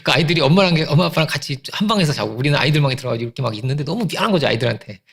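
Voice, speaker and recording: A man's voice: fairly high pitch, lively intonation, rapid-fire, gravelly, fairly bright tone, breathy edge. A middle-aged male pastor preaching a sermon with emphatic repetition and rhetorical questions.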